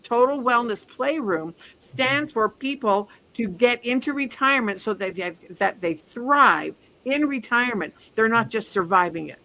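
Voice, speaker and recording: A woman in her seventies co-hosts a casual wellness talk show. Her voice is bright and forward, pitched a little high. She speaks upbeat and emphatic, backing up her partner often. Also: expressive, moderate pace, few pauses. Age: 70s. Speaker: co-host, wellness coach.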